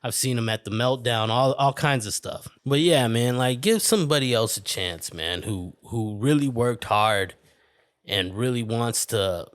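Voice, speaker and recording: A man's voice: mid-range voice, animated, unhurried, dry recording. A man hosting his own podcast, rambling and swearing through a casual solo rant full of fillers and restarts. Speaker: podcast host. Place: indoor room with a window.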